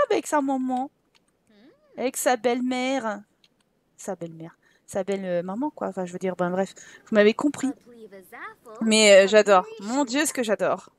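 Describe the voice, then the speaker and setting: A woman hosting a casual let's-play, chatty and expressive, full of exclamations and filler words. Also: high-pitched. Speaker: gaming channel host.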